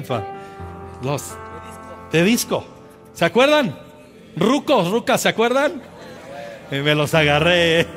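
A Mexican man in his fifties, a pastor telling a personal story in a sermon, lively and humorous, speaking directly to his congregation. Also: on the high side. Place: church. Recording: echoey church hall with soft music behind.

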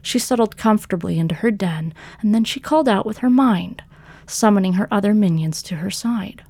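A woman, the author and narrator of a fiction podcast, reading her own story in a measured way that slows for dramatic lines. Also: medium pitch, a little mellow, slightly rough, dry recording.

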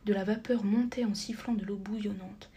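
Mellow-voiced woman reading a storybook. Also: mid-range voice, normal speed. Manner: steady reading, drops to a soft near-whisper at times, corrects small slips. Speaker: audiobook narrator. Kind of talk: scripted narration.

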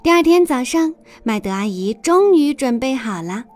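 Lively high-voiced woman storyteller. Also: moderate pace, soft background music. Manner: expressive, sing-song. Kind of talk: children's story reading.

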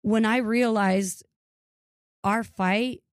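A woman's voice: medium pitch, fairly even intonation, extremely slow, no room sound, clean studio sound. A woman in her thirties, born in Ukraine, telling her family's story as a podcast guest in an earnest way with many fillers and restarts. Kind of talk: casual interview.

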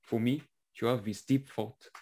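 A man with a French accent interviewing a guest, speaking haltingly with many fillers and restarts. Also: mid-range voice, fairly even intonation, darkish tone, slightly rough. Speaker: interviewer and author. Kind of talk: casual conversational interview.

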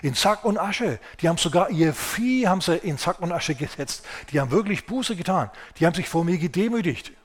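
A man's voice: high voice, expressive, brisk, few pauses, husky, pitched above the performer's own voice. A preacher acting out God as a man who firmly rebukes a stubborn prophet. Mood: rebuking. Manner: emphatic, rebuking.

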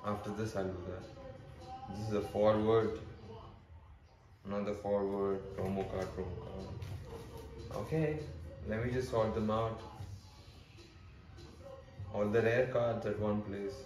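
A young vlogger with an Indian accent gives casual card-opening commentary, reading out card stats and swearing freely. His voice is fairly low and flat, slow with long pauses, over music in an echoey room.

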